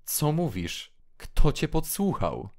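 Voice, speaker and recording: A man reading an audiobook drama, voicing a calm older village priest who speaks softly and consolingly. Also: on the high side, takes it slowly, voice pushed up, full character voice. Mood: soothing. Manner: soft, hushed and consoling.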